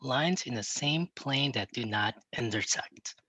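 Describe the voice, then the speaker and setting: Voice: medium pitch, measured pace, breathy edge, no echo, rough recording. Reader telling a wry first-person story. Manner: plain, even narration with a teen's wry asides. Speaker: audiobook reader.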